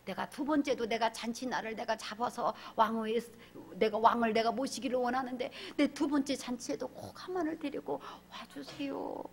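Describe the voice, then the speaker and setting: A woman preacher voicing a young queen, careful and patient, asking in a soft, measured way. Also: a little high, vocal fry, slight background noise. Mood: soft pleading.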